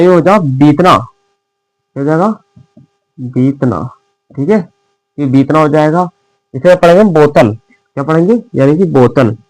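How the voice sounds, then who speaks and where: This man's voice sits a little high, and the dry recording has poor audio quality. He is a teacher explaining shorthand in a classroom-style lesson, repeatedly posing quiz questions and answering them himself while affectionately calling his students "dear children."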